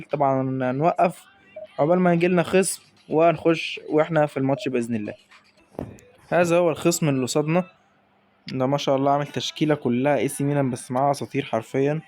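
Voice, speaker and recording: A man's voice: medium pitch, a little mellow. A young man with an Egyptian accent giving hyped live gameplay commentary on a football video game, calling out to the players on screen. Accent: Egyptian Arabic. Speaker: gaming YouTuber.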